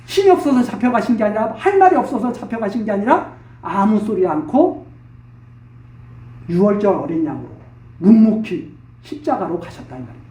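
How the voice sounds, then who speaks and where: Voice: mid-range voice, dark tone, recorded from a distance. Preacher for a verse-by-verse sermon, plain casual delivery, repeats key phrases for emphasis. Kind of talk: expository Bible sermon.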